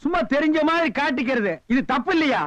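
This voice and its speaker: An actor in a film comedy scene, trading mocking, scolding retorts with a sharp tongue. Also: male voice, very high voice, fast talker, no room sound. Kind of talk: Tamil film comedy dialogue. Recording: dull lo-fi film soundtrack.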